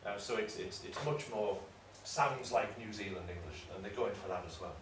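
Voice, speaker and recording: A man with a fairly low voice lectures at an unhurried, moderate speed, taking a discursive, explanatory route and correcting himself often. The distant mic picks up a roomy acoustic and faint noise.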